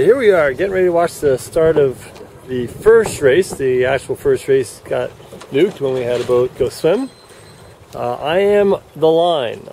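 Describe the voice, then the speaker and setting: A man's voice: a little high, a little mellow. A man giving live, coaching commentary on a sailing race from a dock outdoors, explaining rules as boats pass. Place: outdoors at a yacht club dock. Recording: faint wind noise outdoors.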